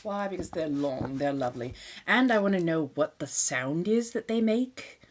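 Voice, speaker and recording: On a live stream, a woman plays a theatrical vampire, chatting with viewers in a put-on 1700s colonial transatlantic accent, using ornate phrasing and calling people darling. Her low, animated voice moves at a moderate pace, with a little hiss or hum in the audio.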